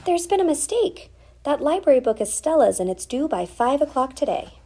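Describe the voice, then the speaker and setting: Young storybook mother, read by a woman: kindly, eager, pitched well up. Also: big pitch swings, normal speed, mellow. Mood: urgent calling.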